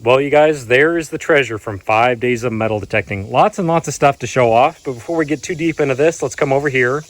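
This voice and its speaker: A man's voice: mid-range voice, brisk, no room sound. A man in his thirties narrating a casual treasure hunter vlog, marveling at his finds and speaking straight to viewers. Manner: marveling exclamations, addressing viewers directly. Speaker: metal detecting treasure hunter, vlogger. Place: outdoors in grassy and wooded areas. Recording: noisy outdoors with insects and vehicles.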